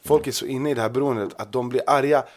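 A man in casual podcast chat, slangy, acting out what other people say. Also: mid-range voice. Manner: animated, acts out others' lines, slangy.

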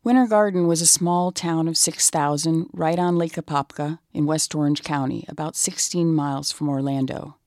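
A reporter giving measured, scripted narration of a true-crime story. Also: mid-range voice, fairly even intonation, a little mellow, no room sound.

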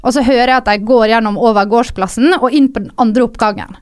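A young woman with a Sunnmøre Norwegian accent, telling an animated story in a casual podcast chat and acting out what was shouted. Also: on the high side, clear, resonant tone, no echo, clean studio sound. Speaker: podcast co-host.

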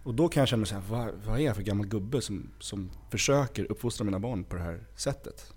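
A man who is a guest actor on a casual podcast, a father of small children talking frankly and getting animated when he jokes. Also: on the low side, breathy edge. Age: adult with small children. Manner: frank, animated when joking, breaks into sing-song.

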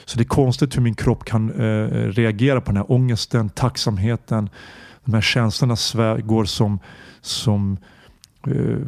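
Brief: podcast host, male, low and gravelly, earnest reflective monologue that gropes for words. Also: darkish tone, dry recording, studio quality.

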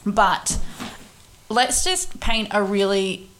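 A woman's voice: medium pitch, drawn-out words, a bit bright, a little hiss or hum. A young woman from Australia co-hosting a podcast, talking candidly in casual chat and laughing often. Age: young adult. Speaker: podcast co-host.

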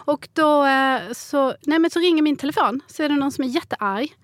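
A fairly high-voiced woman co-hosting a relaxed podcast conversation. She tells stories with lively energy, jumping into the voices of the people she quotes. The sound is dry and close, with no room around her. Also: no room sound. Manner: animated storytelling, acts out quoted dialogue. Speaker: podcast co-host. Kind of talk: casual chat.

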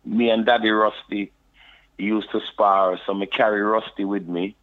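A man's voice: fairly low pitch, level tone, unhurried. A man from the UK speaking with a Jamaican patois accent, telling his story casually in an interview and often saying "you know". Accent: Jamaican patois, London. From United Kingdom. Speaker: podcast guest, reggae deejay. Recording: tinny phone line.

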